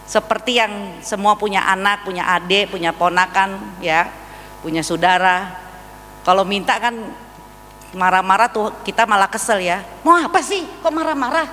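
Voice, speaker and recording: Bright-voiced woman preaching in a hall. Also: medium pitch, moderate pace. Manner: lively preaching, acts out voices and asks the congregation. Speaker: pastor. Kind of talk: sermon. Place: church hall. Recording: reverberant church hall with faint hum.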